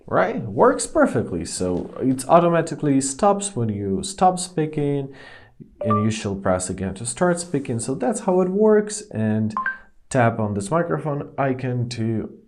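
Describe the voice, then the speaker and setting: A man's voice: mid-range voice, very animated, measured pace, darkish tone. A man presenting a tech tutorial, talking viewers through phone steps one by one. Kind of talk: step-by-step phone tutorial narration.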